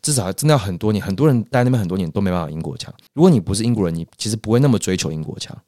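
A man's voice: fairly low pitch, no room sound. A man from Taiwan with a Taiwanese Mandarin accent, a podcast guest chatting casually and telling stories with animation, close to the microphone. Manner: animated storyteller, quick to laugh. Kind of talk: casual chat.

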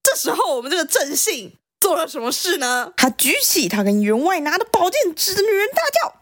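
A woman co-hosts a chatty podcast and narrates a folk story with lots of expression. Her voice sits on the high side and moves through a wide, lively range. The recording is dry and close. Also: a little fast, dry recording. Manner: animated, acts out characters' lines. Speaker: podcast co-host. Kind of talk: casual storytelling chat.

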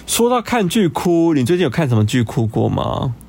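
A man's voice: fairly high pitch, sing-song, normal speed, a little mellow, a little hiss or hum. Easygoing man chatting. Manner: easygoing, chatty, enthusiastic about recommendations. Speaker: podcast co-host. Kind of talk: casual chat.

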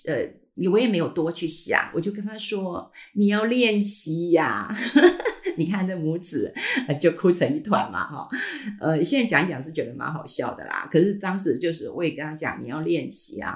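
A middle-aged woman with a Taiwanese Mandarin accent hosts her own podcast in a slightly low, easygoing voice. She rambles warmly through a personal story, peppering it with fillers and soft "ha" tags, her throat not fully recovered. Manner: chatty, frequent filler sounds and trailing "ha" tags. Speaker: podcast host.

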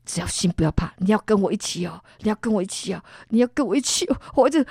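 A woman's voice: medium pitch, quick pace, creaky, slightly rough, no echo, clean studio sound. A middle-aged woman from Singapore with a Singaporean accent, a guest animatedly telling a faith story and acting out the people in it. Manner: animated storytelling, acts out voices.

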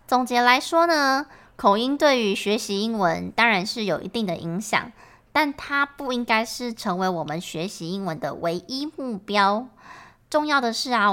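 A woman's voice: mid-range voice, fairly bright tone. A woman with a Taiwanese Mandarin accent, an English teacher explaining patiently in a podcast lesson.

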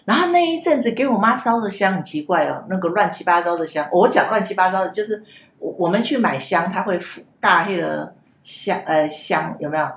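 A woman telling a personal story in a casual podcast chat, halting and repeating words as she goes. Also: fairly low pitch, expressive, creaky. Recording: roomy echo, faint background hiss.

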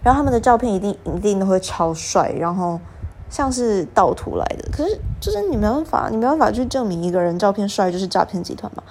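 A young woman, hosting a podcast and telling stories in a casual, animated way. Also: mid-range voice, fast. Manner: animated, acts out quoted exchanges. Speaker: podcast host. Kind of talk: casual storytelling monologue.

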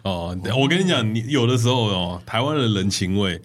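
Chatty guy hosting, talks fast, voice jumps around a lot. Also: on the low side, animated. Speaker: podcast host. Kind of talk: casual chat.

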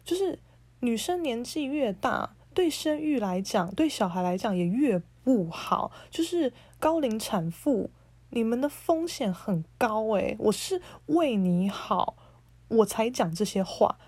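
A man's voice: very high voice, sing-song, a little slow, darkish tone, no echo, heavily acted. A woman voicing her condescending young boyfriend, who lectures in a preachy, self-assured way.

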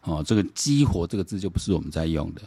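A middle-aged man with a Taiwanese accent delivers a solo political commentary podcast. His voice sits low and dark, heard in a dry, close setting with no room sound. He rambles, repeats himself, and mixes in Taiwanese Hokkien. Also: big pitch swings, fast, breathy edge, no echo. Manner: rambling, repeats words, switches into Taiwanese Hokkien, mocking rhetorical questions.

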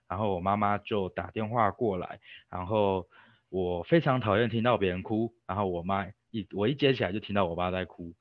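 A young man with a Taiwanese Mandarin accent tells a story as a guest, casual and rambling, often stopping himself with fillers. His voice sits low, and the sound is dry and somewhat dull and lo-fi. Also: brisk, no echo. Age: young adult. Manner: rambling, self-interrupting with fillers.

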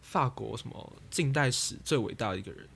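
A man's voice: medium pitch, expressive, fairly quick, gravelly, fairly bright tone, slightly rough. A young man telling a rambling story as a podcast co-host, trailing off and restarting. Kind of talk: casual chat.

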